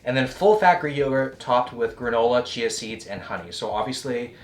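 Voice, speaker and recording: A man's voice: medium pitch, moderate pace, slight background noise. A young man chatting casually and jokingly in a fitness vlog, explaining diet tips. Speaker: fitness vlogger.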